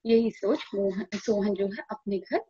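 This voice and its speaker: A woman reading a storybook to school children in lively storytelling, with short halts, on a dull lo-fi recording. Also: medium pitch, measured pace, husky.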